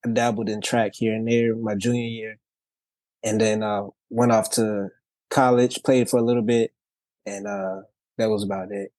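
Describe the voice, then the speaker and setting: A low-voiced man from Louisiana chats in an easygoing, upbeat way. He is a podcast guest telling his own story, and the sound is dry and close. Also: level tone, normal speed, darkish tone, no echo. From Louisiana, grew up in Texas. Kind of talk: casual conversational storytelling.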